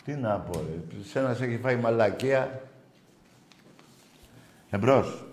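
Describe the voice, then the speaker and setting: A foul-mouthed man hosts a football call-in show, scolding callers and erupting into shouts. His voice has a middling pitch. The room around him is echoey. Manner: combative, swearing, shouting bursts. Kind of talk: rowdy call-in football talk.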